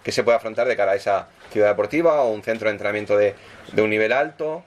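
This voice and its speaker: A man's voice: on the low side, quick pace. A man speaking as a football club executive at a press conference, explaining deals and signings and ending his points with tag questions.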